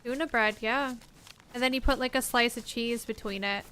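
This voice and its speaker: A woman streaming a survival game keeps up a relaxed, rambling chat. Her voice sits a little on the high side, and she often turns to address viewers and teammates by name. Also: normal speed, a little hiss or hum. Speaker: livestreamer. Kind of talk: casual gameplay chat while reading chat.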